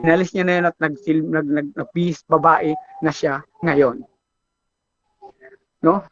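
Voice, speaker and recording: A man preaching a sermon, telling stories in an animated way and slipping into English phrases. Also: on the high side, a little slow, highs cut off, a little hiss or hum. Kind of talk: Filipino sermon.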